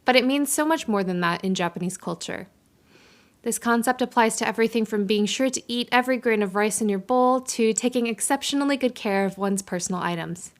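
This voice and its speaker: A woman hosting a podcast, reading a scripted intro in a friendly, clear, explanatory way. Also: fairly high pitch. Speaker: podcast host.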